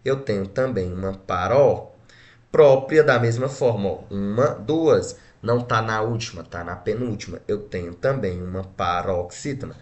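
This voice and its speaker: A man's voice: lowish voice, normal speed, dull audio. A Brazilian man teaching a grammar lesson, splitting words syllable by syllable and checking in with short tag questions. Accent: Brazilian Portuguese. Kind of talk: exam-prep grammar lesson.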